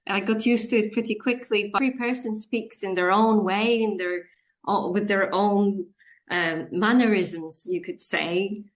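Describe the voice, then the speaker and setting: Her mid-range voice stays steady and unhurried as she chats in a relaxed interview. The woman, a Polish business English communications coach in her forties, discusses her work with lots of laughter and filler words.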